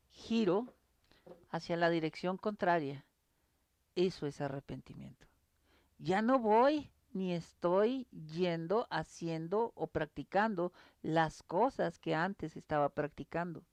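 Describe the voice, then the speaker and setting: A woman with a Mexican accent preaching a sermon, often pausing on filler sounds and growing animated as she tells an example. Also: medium pitch, no echo. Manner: halting delivery with many filler sounds; animated storytelling when illustrating a point.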